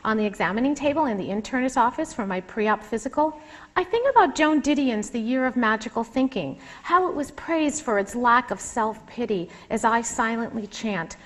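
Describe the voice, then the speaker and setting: A woman's voice: fairly high pitch, expressive, moderate pace. A middle-aged woman author reading from her memoir to a live audience and chatting between passages in a wry, candid way. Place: lecture room with a live audience.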